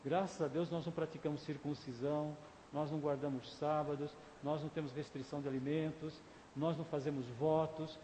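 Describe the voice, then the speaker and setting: Brazilian pastor preaching in echoey church. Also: male voice, a little high, level tone, a little fast, warm tone, a little hiss or hum. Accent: Brazilian Portuguese. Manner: conversational preaching, asks the congregation questions. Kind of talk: sermon. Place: church sanctuary. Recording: echoey church hall, faint ambience.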